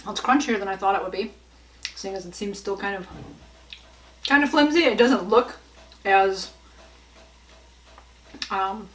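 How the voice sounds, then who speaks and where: A woman's voice: medium pitch, a little slow, long pauses, slight background noise. A middle-aged woman walks through a home cooking demonstration in a chatty, rambling way, with fillers and small laughs. She is recorded by a camera mic set some distance off. Her kitchen sounds roomy and echoey. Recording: roomy kitchen, voice a bit far off.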